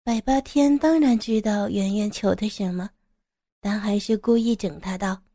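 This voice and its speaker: A woman narrating an erotic audio story in a slow, even reading voice. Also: mid-range voice, dry recording, studio quality.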